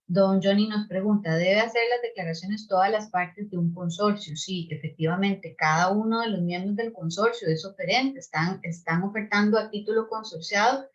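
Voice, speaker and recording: A woman's voice: medium pitch, normal speed, few pauses. Woman presenting a webinar. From Costa Rica. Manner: explanatory, frequent tag questions and restarts. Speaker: webinar presenter on public procurement. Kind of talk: online webinar lecture with audience questions. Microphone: video call microphone. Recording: slightly dull video call audio.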